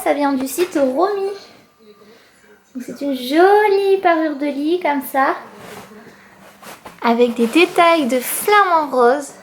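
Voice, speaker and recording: A woman's voice: sits high, a little hiss or hum. A young woman chatting casually to camera at home, enthusiastic, with many fillers. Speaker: family vlogger. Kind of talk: casual vlog chat to camera. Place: apartment at home, indoors.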